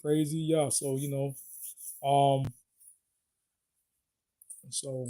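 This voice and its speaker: A man hosting his own video, giving a loose, halting sign-off and often stopping to search for words. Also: mid-range voice, level tone, dark tone. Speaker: video host. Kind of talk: casual vlog sign-off.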